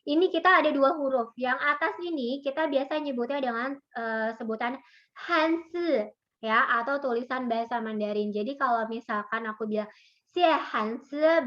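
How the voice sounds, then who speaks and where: A woman teaching a recorded online language lesson, drilling sounds with loud, drawn-out repetitions. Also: a little high. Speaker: Mandarin teacher. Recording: dull lo-fi recording.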